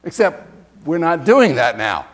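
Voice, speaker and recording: A man's voice: fairly high pitch, big pitch swings, measured pace, a bit bright. A male pastor giving a conversational sermon, reading scripture expressively and chuckling between points.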